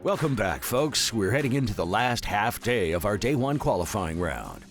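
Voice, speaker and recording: Male sports voice-over, lowish and animated, music bed underneath. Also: normal speed. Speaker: sports broadcast narrator. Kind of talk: scripted sports narration.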